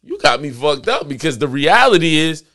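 A man's voice: a little high, very animated, moderate pace, a bit bright. A man in his forties hosting a podcast, talking emphatically in a casual chat, repeating himself and using slang. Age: 40s. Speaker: podcast host.

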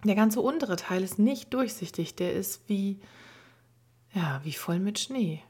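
A woman reading a children's story aloud, gently narrating and sometimes dropping to a half-whisper. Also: mid-range voice, animated, unhurried, husky.

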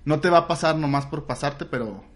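A young man with a Mexican accent, co-hosting a podcast. He chats in a relaxed, slang-heavy way. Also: a little high, brisk, faint music behind. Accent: Mexican Spanish. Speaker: podcast co-host. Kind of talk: casual chat.

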